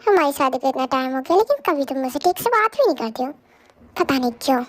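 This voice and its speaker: A woman's voice: sits high, lively intonation, quick pace, pitched below the performer's own voice. A woman voicing a young wife who pleads and talks emotionally, in a fan audio drama dub. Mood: sad. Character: young wife, tearful and longing.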